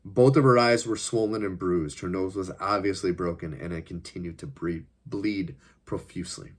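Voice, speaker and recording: A man's voice: sits low, normal speed. A man reading his own novel aloud, narrating plainly with the odd casual aside. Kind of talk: audiobook-style reading.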